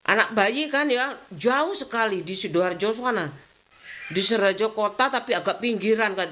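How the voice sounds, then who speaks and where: A middle-aged woman talks to her phone at home in a loose, rambling way. She laughs a lot through her stories. When she quotes someone, her voice jumps up in pitch. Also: fairly bright tone. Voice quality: rambling, chatty, laughs often. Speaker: vlogger. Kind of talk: casual home vlog chat.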